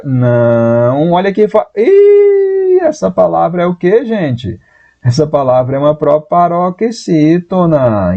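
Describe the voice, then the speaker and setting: A Brazilian man teaching Portuguese in a live online exam-prep class, talking in a lively, chatty way and answering viewers by name. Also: on the high side, highs cut off. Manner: voices students' doubts in a raised voice.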